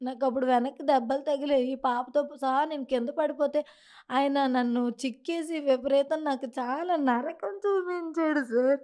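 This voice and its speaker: A woman's voice: high voice, moderate pace, a little mellow. A young woman from Srikakulam with a Srikakulam Telugu accent, giving distressed, pleading testimony in an interview and keeps addressing the interviewer as sir. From Srikakulam, Andhra Pradesh. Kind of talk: emotional testimony.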